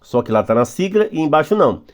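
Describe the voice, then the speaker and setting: A man with a Brazilian Portuguese accent, teaching a recorded English grammar lesson for beginners and patiently repeating words slowly. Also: on the high side, big pitch swings.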